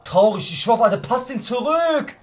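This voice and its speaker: A man's voice: very high-pitched, sing-song, moderate pace, soft background music. A young man streaming a football video game, nervous and complaining, swearing at his friend and the match. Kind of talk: casual gaming stream banter.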